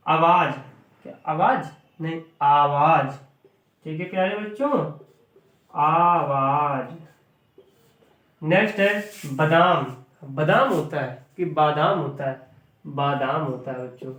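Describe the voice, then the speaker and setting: A man teaching a spelling lesson, who repeats words slowly and often asks and answers his own questions. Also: sits high, a bit bright. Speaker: Hindi teacher. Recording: roomy echo, distant mic.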